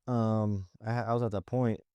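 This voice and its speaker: A man's voice: fairly low pitch, normal speed, clear, resonant tone, no room sound, muffled recording. A young man co-hosting a podcast who talks candidly and loosely about his own life, with lots of filler words and restarts. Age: young adult. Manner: relaxed and candid, with many likes and restarts. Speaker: podcast co-host and Navy recruit. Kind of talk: casual reflective chat.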